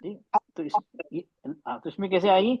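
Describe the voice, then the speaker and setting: A man teaching Quran recitation in an online class, patiently correcting students and slowly demonstrating sounds. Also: sits high, vocal fry, slightly rough, dull audio. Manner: patient, slow demonstrating drills.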